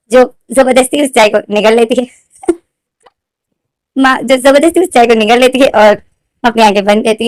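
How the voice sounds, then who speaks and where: A woman retelling her own fanfiction story in casual spoken form, repeating herself often and lifting her voice for quoted lines. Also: no room sound. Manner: repetitive, fillers, rises in pitch for quoted lines.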